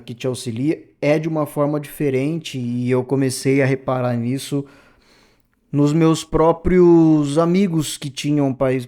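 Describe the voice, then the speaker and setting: Here a man in his thirties from Brazil, host of an opinion channel, speaks at medium pitch with a mellow sound. He addresses viewers in a casual, reflective ramble, catching and correcting himself repeatedly.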